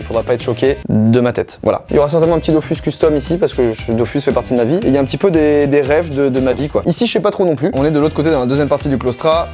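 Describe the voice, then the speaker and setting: A man giving an excited, joking casual tour of his new studio. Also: medium pitch. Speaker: YouTuber showing his studio.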